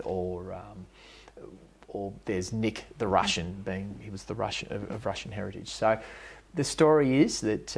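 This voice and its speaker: Over loud music in a bar, the candidate for mayor, who owns the place, fields interview questions with plenty of hesitation, rambling, and restarts. He speaks in a lowish, creaky, slightly rough voice.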